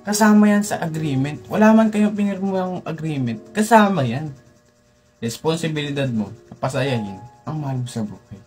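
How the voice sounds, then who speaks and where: A man's voice: animated, normal speed, a little mellow, faint music behind. Playful man giving a mock lecture. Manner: playful, lecturing, jumps up in pitch for emphasis. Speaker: tutorial host.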